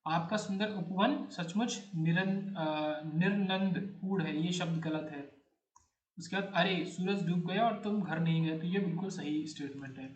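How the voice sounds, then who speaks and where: A man's voice: sits high, dull audio. A man teaching an exam-prep grammar lecture, explaining step by step and repeating words as he checks each answer. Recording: echoey room.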